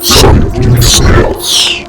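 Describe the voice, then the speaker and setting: A man's voice: takes it slowly, over loud music, natural voice. A man voicing a horrid rotting undead creature from the water in a harsh, unvoiced whisper. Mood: menacing.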